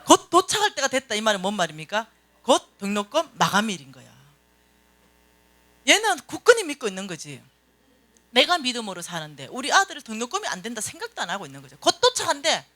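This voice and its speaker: A woman's voice: medium pitch, huge pitch swings, brisk, long pauses, bright, forceful tone. A middle-aged woman giving a church lecture on finances. She tells stories, acts out dialogue and speaks bluntly to the audience. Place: church hall.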